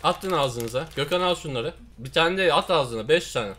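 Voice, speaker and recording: A young man hosting a gaming video, excitable and often laughing, urging others on while talking with a mouth full of gum. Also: on the high side, normal speed, loud music behind the voice. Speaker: gaming channel host. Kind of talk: casual chat.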